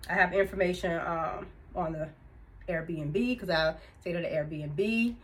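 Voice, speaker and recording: A woman in her fifties chats casually to camera as a vlogger, often laughing between thoughts. She's indoors in a room where she turned the music off. Her voice is lowish and a little slow.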